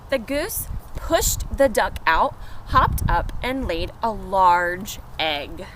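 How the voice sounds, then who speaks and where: Near some pet chickens outside, a woman expressively reads a picture book to young kids and speaks asides to them. She has a mid-range voice, lively intonation and an unhurried pace, while the outdoor recording is noisy with urban ambience.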